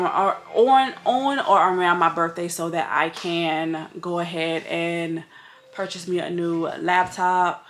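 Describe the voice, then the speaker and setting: A woman's voice: lowish voice, fairly bright tone, echoey room. A woman vlogging casually at home, rambling with lots of "like" and calling her viewers y'all, her nose a bit stuffy. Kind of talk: casual chat to camera. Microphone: camera mic.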